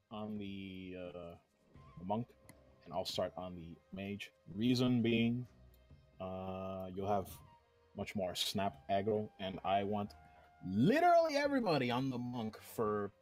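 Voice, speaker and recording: A man leading a game raid over voice chat, explaining strategy in a halting, rambling way with casual swearing. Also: lowish voice, a little mellow. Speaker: raid leader.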